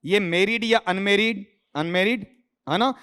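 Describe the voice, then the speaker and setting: A man from India leads an online exam-prep English lesson in a fairly high voice. He keeps throwing questions at his students and often answers them himself. He drops in teasing, joking asides along the way. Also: unhurried, a bit bright, smooth. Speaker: English teacher.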